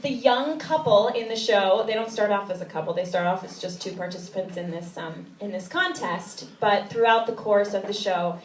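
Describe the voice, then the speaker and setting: A cabaret singer with a medium-pitched voice banters casually between songs on a small stage, giggling, chatting at normal speed with hardly any pauses, and often cutting herself off as she introduces a song. She's recorded from afar by an audience camera in an echoey live hall, with slight background noise.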